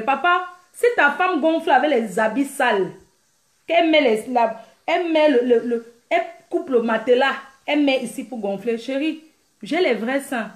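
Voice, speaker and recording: A high-voiced female live-stream host chats casually with viewers, answering their questions from an echoey room. She's brash and teasing, laughs often, and animatedly mimics crying sounds.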